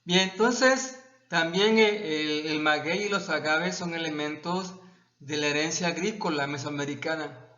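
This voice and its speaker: A male Mexican history teacher explaining a textbook lesson to his students, pausing and restarting his phrases. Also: on the high side, pushed and bright. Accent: Mexican Spanish. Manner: halting, repeats words and restarts, addresses students as "jóvenes". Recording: echoey, dull lo-fi room sound.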